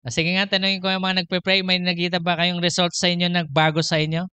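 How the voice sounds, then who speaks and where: A man's voice: sits high, completely flat delivery, quick pace, bright, forceful tone, clean tone, no echo. A man preaching a sermon as pastor, telling a personal story, moving between Tagalog and English and laughing often. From Philippines.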